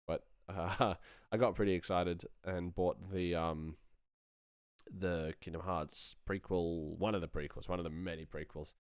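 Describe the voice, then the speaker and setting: A low, unhurried, clean voice with fairly even intonation belongs to a sound designer livestreaming his work. He talks informally and eagerly, thinking aloud through sound design in a chatty tutorial style. The studio sound is clean, with no echo.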